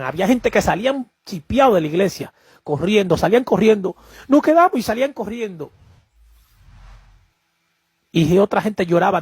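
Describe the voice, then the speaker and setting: A man's voice: on the high side, creaky, a little mellow, slightly rough, no echo. A man giving a personal religious testimony to camera, emphatic and repetitive, often addressing the listener as beloved. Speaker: preacher sharing a vision.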